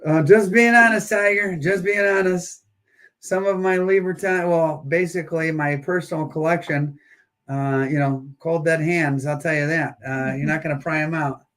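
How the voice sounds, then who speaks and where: A man's voice: fairly high pitch, steady tone, normal speed, fairly bright tone. A man hosting a live coin auction, chatting and joking while he counts down bids. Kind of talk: casual live-stream auction chat.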